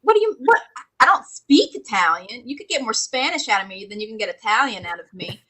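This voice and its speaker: A woman's voice: fairly high pitch, very animated, brisk, sharp tone, low-quality recording. A woman joining a casual team meeting, joking and laughing easily. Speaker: team member.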